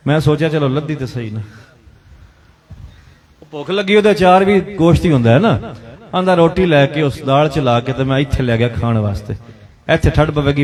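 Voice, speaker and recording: A man with a Punjabi accent reciting a Shia majlis sermon, telling a story in mixed Urdu and Punjabi and calling out to the crowd. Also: a little high. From Pakistan. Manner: mixes Urdu and Punjabi, dramatic storytelling with chanted calls to the crowd.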